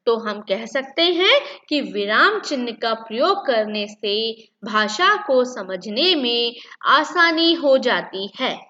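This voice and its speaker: A woman's voice: fairly high pitch, big pitch swings, slow, sharp tone, dull audio. A woman teaching a lesson to children, repeating key points and asking then answering her own questions. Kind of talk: classroom-style lesson for children.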